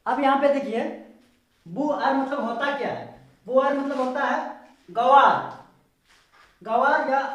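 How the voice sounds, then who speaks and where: A woman teaching English pronunciation, spelling words out slowly letter by letter and checking whether the viewer has understood. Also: a little high. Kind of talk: spoken English lesson explained in Hindi. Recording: very echoey room.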